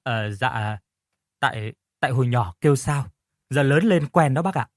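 A man's voice: medium pitch, expressive, normal speed, no room sound, studio quality, close to an everyday voice. A man voicing a downcast young husband and fish farmer who speaks politely to his elder and snaps at his wife. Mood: deferential. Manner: polite and deferential, flaring angry at his wife. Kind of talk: audiobook character reading.

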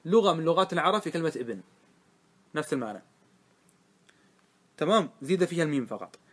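Guy with a slightly high voice teaching grammar to a class, keeps checking if everyone gets it. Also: big pitch swings, fast talker, fairly bright tone. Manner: explains step by step, often checks with "clear?"; asks the class questions and answers them himself.

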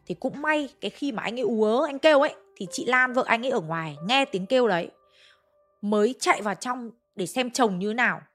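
A woman's voice: fairly high pitch, lively intonation, fairly quick, fairly bright tone, faint music behind. Hanoi woman telling a ghost story. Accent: Hanoi Vietnamese. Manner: conversational, addresses listeners.

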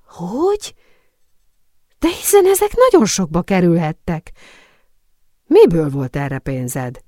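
A woman voicing a lively young woman cousin who is teasing, impatient and curious. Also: fairly low pitch, no room sound, clean studio sound.

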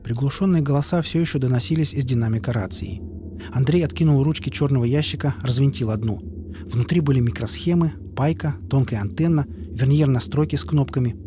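A man narrating an audiobook in a steady, even storytelling voice. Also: medium pitch, a little fast, background noise. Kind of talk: scripted narration. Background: music.

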